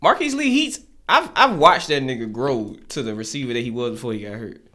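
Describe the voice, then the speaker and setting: A man talking football with a friend, his pitch swinging all over the place. He is animated, cursing and laughing as he goes. The talk is loose and casual. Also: fairly quick. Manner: animated, swears a lot, laughs often. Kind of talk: casual sports chat.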